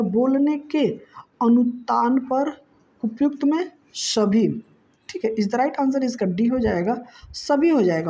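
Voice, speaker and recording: Going over exam questions in a chatty prep lesson, this female teacher keeps asking "ठीक है" ("okay") as she explains the answers. Her voice sits on the high side with a dark tone, and the recording has a dull, lo-fi quality.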